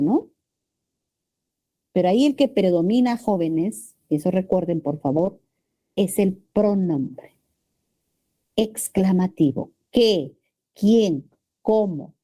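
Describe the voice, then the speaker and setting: A woman's voice: mid-range voice, warm tone. A woman teacher with a Peruvian Spanish accent, giving a classroom lecture and checking in with her students often. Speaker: language teacher.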